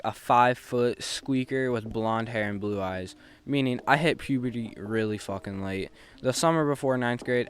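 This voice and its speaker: A young man telling an embarrassing story in a casual vlog, slangy and profane, swinging between loud hype and muttered asides. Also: medium pitch, smooth.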